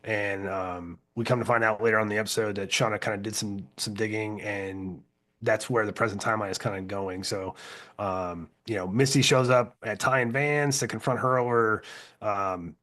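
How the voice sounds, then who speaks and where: A man with a lowish voice co-hosts a casual TV recap. He talks in a laid-back way, swears freely and fills his sentences with "uh" and "like". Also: steady tone, moderate pace, fairly bright tone. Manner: laid-back, profane, heavy with fillers. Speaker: podcast co-host.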